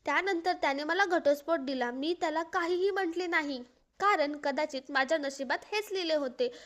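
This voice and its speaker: High-voiced woman telling an emotional story. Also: moderate pace, fairly bright tone. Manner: earnest, mournful. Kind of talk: emotional first-person story narration.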